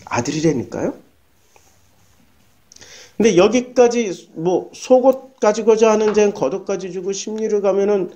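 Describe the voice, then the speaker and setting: A man's voice: high voice, warm tone. A man preaching a sermon as pastor, asking his listeners questions and answering them himself, and acting out short quoted lines.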